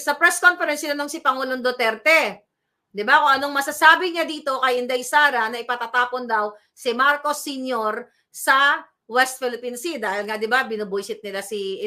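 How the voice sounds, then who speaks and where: A woman giving animated, scolding political commentary, mixing in English phrases and asking her viewers for agreement. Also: on the high side, a little fast. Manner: animated, scolding, mixes Tagalog with English, asks "di ba?" often.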